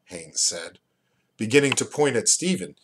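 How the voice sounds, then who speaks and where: A man in his fifties, a reader, poet and rare book seller, reads a novel aloud in a literary audiobook style, deliberate and expressive, with pauses between phrases. His voice sits lowish, and a little background noise can be heard. He's in a small furnished room at home, picked up by a webcam or computer mic at desk distance.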